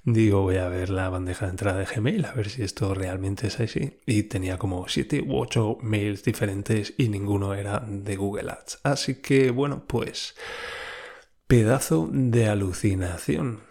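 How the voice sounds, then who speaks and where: A man's voice: fairly low pitch, normal speed, darkish tone. A man hosting a casual podcast monologue in a chatty way, laughing often and swearing freely. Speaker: podcast host.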